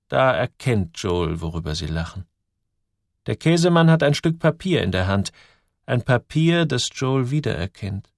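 Man narrating a story with lively pitch. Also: no echo, studio quality. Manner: lively, dramatic storytelling with sudden drops and rises. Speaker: audiobook narrator. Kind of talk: scripted narration.

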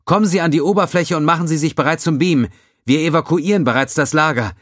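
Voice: mid-range voice, fast talker, no room sound, studio quality, voice pushed up, lightly acted. A man voicing a decisive starship captain giving firm commands. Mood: commanding.

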